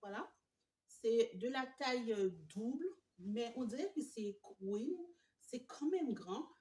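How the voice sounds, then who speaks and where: A woman, gushing excitedly through a casual home decor haul with many fillers. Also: a little high, slow. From Canada. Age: 20s. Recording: echoey room, mic at a distance.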